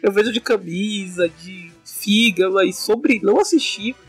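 A woman from Bahia chats on a podcast, her voice slightly husky and her pitch in a middle range. She tells her stories in an animated way, acting out other people's lines with plenty of laughter. Soft music sits faintly behind her. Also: measured pace. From Bahia, Brazil. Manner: animated storyteller who acts out quotes and laughs often. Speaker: podcast co-host. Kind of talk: casual podcast chat.

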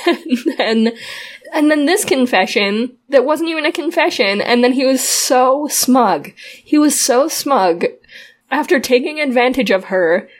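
A woman's voice: high-pitched, lively intonation, unhurried. A woman co-hosting a casual podcast, ranting heatedly and indignantly about a drama character. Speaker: podcast co-host. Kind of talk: casual recap chat.

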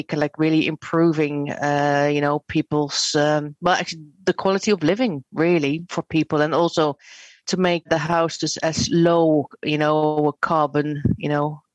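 Guest: fifties, chatty rambler, dry close sound. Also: female voice, low-pitched, dry recording, lo-fi sound. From Netherlands. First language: Dutch. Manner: bubbly, rambling, many fillers. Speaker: photographer guest. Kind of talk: casual interview chat.

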